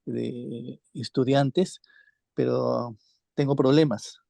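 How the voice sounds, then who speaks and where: A man joining a webinar by video call, speaking hesitantly with many pauses as he asks a question. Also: medium pitch, fairly even intonation, creaky, dark tone, no echo. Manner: hesitant, many fillers and restarts. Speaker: webinar attendee asking questions.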